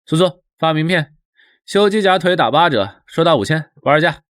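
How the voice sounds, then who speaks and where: A laid-back young mechanic in a motion comic, talking in a casual, offhand way. His slightly high voice moves lively up and down, and the recording is dry and close. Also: normal speed, dry recording. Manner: casual, unbothered. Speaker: lead character.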